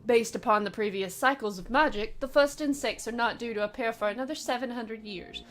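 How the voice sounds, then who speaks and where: A woman reading the lines of a stern, formal male aide in a game, in a measured, lecturing way. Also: a little high, fairly bright tone, faint music behind, close to an everyday voice. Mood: grave. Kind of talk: reading game dialogue aloud.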